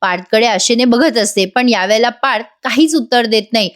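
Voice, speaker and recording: A woman recaps a serial episode in voice-over, gossipy and amused. Her voice sits a little high, and she chats directly to her viewers. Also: a little fast. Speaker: serial reviewer.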